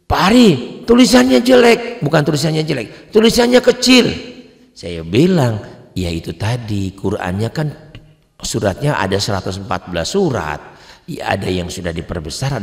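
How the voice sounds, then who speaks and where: A man who teaches Quran reading to beginners in with a slight lilt. He talks plainly and chattily, then breaks into loud, slow chanted recitation. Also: deep voice. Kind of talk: tajwid lesson for beginners. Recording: long hall reverb.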